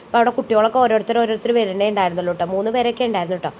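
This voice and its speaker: A chatty mother talks over her family vlog in a homely, easygoing way. Her voice sits at an ordinary middle pitch, recorded as a close voice-over with a faint hiss of noise behind it. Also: rapid-fire, darkish tone. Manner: homely, chatty, tags sentences with "ട്ടോ". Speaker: vlogger and mother. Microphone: voice-over, close mic.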